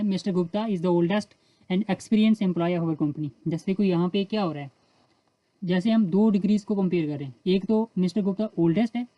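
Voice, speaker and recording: Speaking Hindi with an Indian accent, this woman walks through English grammar rules one step at a time, slowing down to read each English example sentence. She has a lowish voice, there's no room sound, and the high frequencies are cut off.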